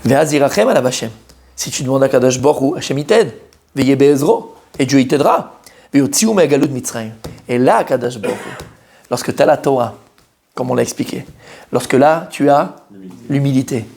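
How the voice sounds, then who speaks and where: A man, a rabbi, giving a Torah lesson to a live group. He talks in an animated, emphatic way, questions his listeners and repeats key words to drive them home. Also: medium pitch, moderate pace, vocal fry. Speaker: rabbi teaching a Torah class.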